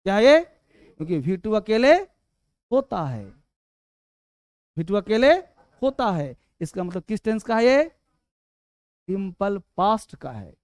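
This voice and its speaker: A man teaching English grammar, quizzing students and urging them to answer fast. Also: high-pitched, sing-song, darkish tone, no echo, clean studio sound. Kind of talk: classroom lesson.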